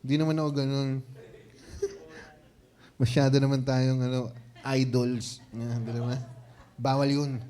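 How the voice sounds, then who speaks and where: A man's voice: mid-range voice, level tone, slow pace, long pauses, warm tone. A man preaching a conversational sermon as pastor, playful and laughing often, often checking in with the congregation and mixing Tagalog with English.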